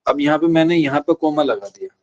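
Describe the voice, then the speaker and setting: A male teacher giving an exam-prep lecture. He asks the class questions and answers them himself, and he repeats key phrases slowly for dictation. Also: fairly high pitch, lively intonation, a little mellow, highs cut off.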